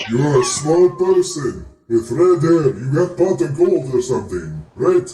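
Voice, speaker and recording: A man's voice: fairly high pitch, very animated, unhurried, dark tone, reverberant, recorded from a distance. A man voicing Zakar, a blunt, crude adventurer, with a put-on Russian accent. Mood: brash.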